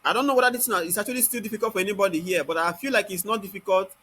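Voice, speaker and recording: This casual software tutorial, delivered step by step, comes from a man with a Nigerian accent who constantly asks rhetorical questions and answers them himself. He speaks in a high-pitched, rapid-fire manner, with slight background noise.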